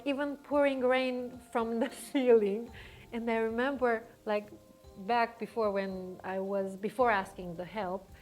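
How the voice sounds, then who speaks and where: A young woman vlogger, a native German speaker, casually telling a personal story to the camera in an animated way, laughing often and restarting words. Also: a little high.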